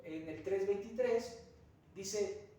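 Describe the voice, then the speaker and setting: A man with a Mexican accent, his voice high-pitched and dark in tone, preaches a sermon as pastor at a slow pace. He sounds earnest, adding rhetorical asides and hesitating often with fillers. The recording is made from a distance in a very echoey church sanctuary.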